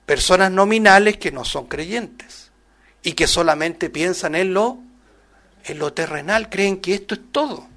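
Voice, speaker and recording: Male preacher, high voice, punchy emphatic sermon delivery with rhetorical questions to the congregation. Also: measured pace. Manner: emphatic, rises loud on scripture quotes, drops soft on asides; addresses listeners as "hermano", many rhetorical questions. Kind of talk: sermon, Bible study.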